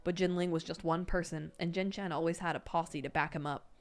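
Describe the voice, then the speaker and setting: A woman reading a novel aloud on a stream, doing lively character voices and breaking off for chat asides. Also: lowish voice, brisk. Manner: lively character voices, frequent laughs and self-corrections.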